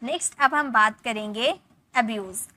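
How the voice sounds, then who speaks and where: Bright, high-voiced woman teaching English grammar. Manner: explains step by step, checking in with "ठीक है" and "okay"; reads English example sentences slowly and deliberately. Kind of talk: Hindi-language English grammar lesson.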